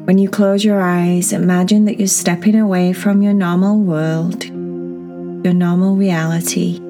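A woman guiding a children's meditation as a podcast host, speaking in a soft, soothing, breathy manner. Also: fairly low pitch. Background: new-age music.

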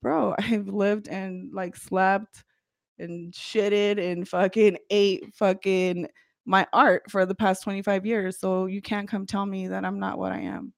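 A woman's voice: mid-range voice, level tone, slow, gravelly, no room sound. Middle-aged woman, blunt and profane, casual podcast chat, dry close sound. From United States, parents from Guatemala. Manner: blunt, profane, laughs often. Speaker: podcast guest, practicing witch.

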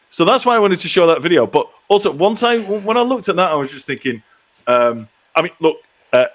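A middle-aged man co-hosting a podcast in casual chat, sweary and self-deprecating. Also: medium pitch. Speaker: podcast co-host.

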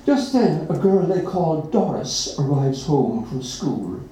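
A reader at a live event tells a children's story with a wildly swooping, dramatic delivery. The tone is mellow and dark. The voice comes from a distance in a very echoey room with faint noise behind. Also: mid-range voice, big pitch swings, takes it slowly. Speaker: reader at an open mic. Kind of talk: reading a children's story aloud.

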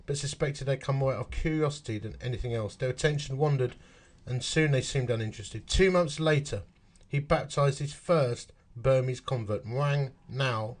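Reading a history piece aloud, this Essex-accented man has a medium-pitched, slightly mellow voice. He's chatty, breaking off for asides and calculating dates and figures as he goes.

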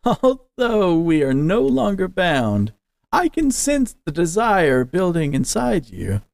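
A smug, purring demon who teases and condescends from inside a plush toy, as a male storyteller puts it on. The voice sits noticeably higher and slower than the narration, with a different, airier tone. Every line drips with mockery. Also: wildly swooping pitch, creaky, darkish tone, dry recording, full character voice. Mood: teasing. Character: sly teasing demon creditor trapped in a plush.

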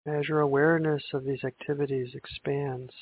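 A man leading a guided meditation in a slow, soothing sleep story narrator manner, with long pauses between gentle instructions. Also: fairly high pitch, flat delivery, husky, no room sound. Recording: muffled, phone-like narrow sound.

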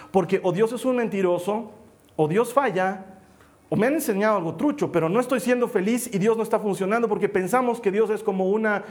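A man's voice: sits high, a little mellow. A male pastor preaching a sermon in a conversational way, often checking in with his listeners and acting out little quotes as he tells a story. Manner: conversational, asks listeners for assent; plays out a story with small acted quotes.

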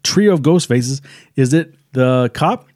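A man's voice: mid-range voice, animated, slow, darkish tone, dry recording, studio quality. A man co-hosting a podcast, chatting casually and rambling as he retells movie scenes. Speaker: podcast co-host. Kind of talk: casual movie review chat.

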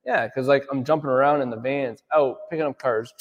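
A man in his thirties who runs an auto detailing business chats casually in an interview, rambling, packing in fillers and tossing out "right?" again and again. His mid-range voice moves briskly. The recording sounds muffled, with a long reverb tail and crowd noise behind him.

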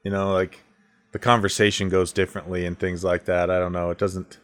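A man's voice: low voice, little pitch movement, fairly quick, clear, resonant tone. A man hosting a casual tech podcast, chatting loosely with his co-hosts over a call and wrapping up the show. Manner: laid-back, wraps up the show. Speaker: podcast host. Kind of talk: casual chat.

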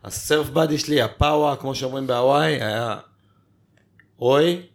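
A man in a casual chat, reminiscing earnestly about an old friend. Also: mid-range voice.

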